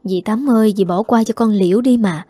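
A woman voicing a young female friend who gently coaxes an old woman to forgive her daughter. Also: mid-range voice, brisk, breathy edge, no echo, studio quality, natural voice. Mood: coaxing. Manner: soft coaxing, hushed pleading.

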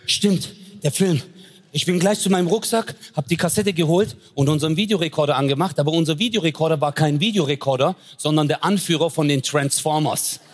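A man's voice: on the high side, quick pace, hardly any pauses. A man doing stand-up comedy, telling a story and acting out voices of family and objects.

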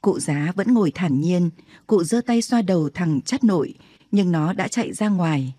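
A woman reading a historical novel aloud as an audiobook narrator, calm and steady. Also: fairly low pitch, moderate pace, no room sound. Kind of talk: scripted narration.

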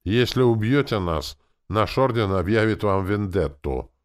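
A man reading an audiobook, voicing a gloomy, hoarse captured knight. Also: fairly low pitch, lively intonation, a little slow, voice pushed up. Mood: sullen. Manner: gloomy, rasping.

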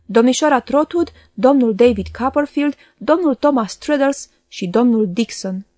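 Woman reading a solemn, formal clerk in a storybook, ceremonious, mellow, dry close sound. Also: a little high, lively intonation, dry recording. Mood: grave. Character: grave, formal middle-aged male clerk.

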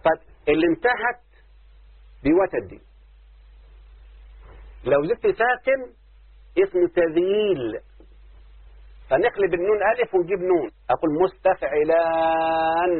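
Man, Egyptian accent, teacher, fairly high voice, checks students understand, phone-like lo-fi sound. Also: big pitch swings, normal speed, pauses often, breathy edge. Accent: Egyptian Arabic. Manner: explains step by step, often checks understanding. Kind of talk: classroom lesson. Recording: phone-like lo-fi recording.

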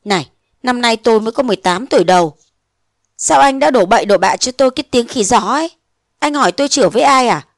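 A woman's voice: moderate pace, no echo, clean studio sound, lightly acted. A woman playing a tearful, indignant girl of eighteen. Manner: pleading, rising to shrill reproach.

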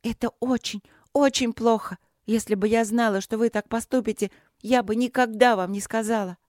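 A narrator raising the voice high for a fiery young princess, storybook heroine shouting her outrage. the voice sits high and carries hard, with no give in it. close and dry, no room around it. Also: fairly even intonation, moderate pace, no echo, close to an everyday voice. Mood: indignant. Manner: loud, scolding outbursts. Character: fiery young princess, hot-tempered and indignant.

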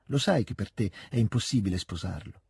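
A man with a husky voice voicing a gentle older countess who tenderly scolds her daughter. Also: lowish voice, a little fast, exaggerated voice. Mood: admonishing. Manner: calm, tender, admonishing. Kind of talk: literary reading aloud.

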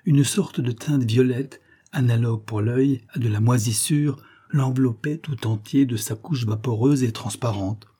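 A man narrating an audiobook of a classic novel in a measured, literary reading style. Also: medium pitch, dark tone, breathy edge.

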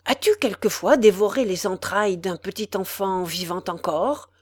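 A greedy male executioner haggles with haughty relish, his voice leaping high and loud, as a woman reader puts him on. The sound is dry and close. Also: normal speed, dry recording, lightly acted. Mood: haggling.

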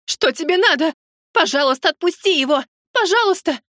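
A frantic mother's voice, very high and shrill, swinging wildly in pitch. She shrieks and begs in a desperate way. The recording is dry and close, with no room sound. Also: expressive, a little fast, fairly bright tone, dry recording. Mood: desperate pleading. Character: frantic mother pleading for her son.

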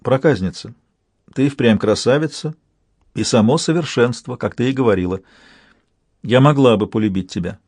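A man voicing a weary, stubborn young girl healer in an audiobook, speaking quietly and with determination. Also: mid-range voice, normal speed, pauses often, no echo, lightly acted. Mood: tired.

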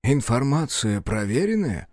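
A man's voice: medium pitch, very animated, measured pace, a little mellow, dry recording, studio quality. A man doing a fussy, ceremonious town official. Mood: polite. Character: fussy, polite middle-aged male town official.

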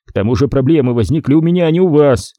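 A man's voice: fairly high pitch, lively intonation, fast talker, no room sound, voice pushed up, natural voice. A man doing a foul-mouthed, furious gangster. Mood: angry. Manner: crude, shouting, swearing. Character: hot-tempered crooked gangster, adult man, crude and impatient.

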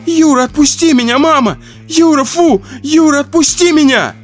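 A woman's voice: high-pitched, normal speed, faint music behind, pitched above the performer's own voice, close to an everyday voice. A man reading an audiobook voices a terrified teenage daughter, crying and pleading for her life.

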